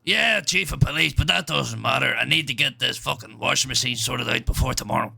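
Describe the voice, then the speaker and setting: Guy, super gravelly voice, really bright and cutting, cranky and swearing nonstop in a game roleplay. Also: medium pitch, a little fast. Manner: gruff, swears constantly, impatient. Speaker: roleplay player in a job interview.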